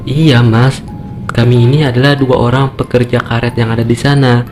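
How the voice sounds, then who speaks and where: A man's voice: medium pitch, flat delivery, moderate pace, natural voice. A man voicing an alarmed male rubber plantation worker in a horror story, speaking urgently. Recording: music behind, echo in places.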